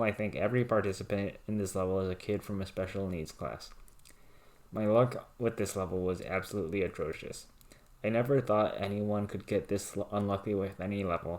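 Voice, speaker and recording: A man with a low voice reads written rants aloud. His delivery stays deadpan and monotone, as if reciting plain text. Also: fairly quick.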